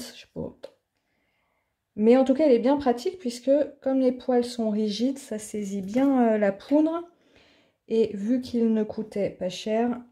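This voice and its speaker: Slow, mellow-voiced French woman. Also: a little high. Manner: unhurried, chatty, thinking aloud with many fillers. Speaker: art tutorial host. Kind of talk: casual craft demonstration. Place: home office.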